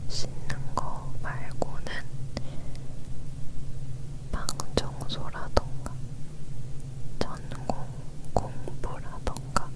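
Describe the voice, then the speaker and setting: A young woman leaning in to whisper softly and carefully into a close microphone, chatting casually in an ASMR style. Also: very slow, long pauses, rough recording. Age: young adult. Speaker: ASMR video creator. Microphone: close recorder microphone.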